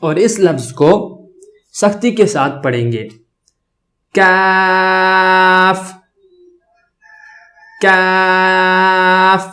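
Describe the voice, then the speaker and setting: A man gives a patient beginner pronunciation lesson. He talks through how each sound is made, then holds each letter long and loud, repeating it for the learner. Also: on the high side, sing-song. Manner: explains slowly, then drawls each letter loudly twice. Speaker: Arabic letters teacher.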